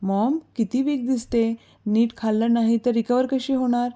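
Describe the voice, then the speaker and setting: A woman's voice: on the high side, fairly even intonation, normal speed, dark tone, voice pushed up, lightly acted. A woman voicing a protective young man who gives firm, caring orders, in a storybook reading.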